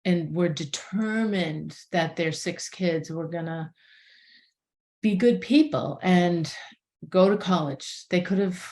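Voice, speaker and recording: A woman in her sixties from inner-city Boston, USA, an herbalist and plant spirit medicine practitioner, is a guest on a podcast. In a casual, reflective conversation she speaks slowly and searchingly, restarting sentences and laughing lightly. Her voice is lowish and a little mellow.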